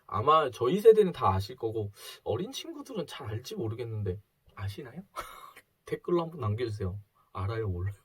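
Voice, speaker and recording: Chatty man preaching, husky voice. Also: mid-range voice, very animated, fairly quick, a bit bright. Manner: chatty storytelling, acts out quoted voices. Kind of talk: casual video sermon.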